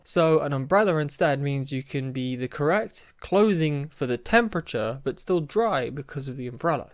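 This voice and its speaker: A man's voice: a little high, smooth. A young man, casually chatting on his own through a quiz, self-mocking and often laughing. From United Kingdom. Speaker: podcast host. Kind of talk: casual solo chat answering a quiz.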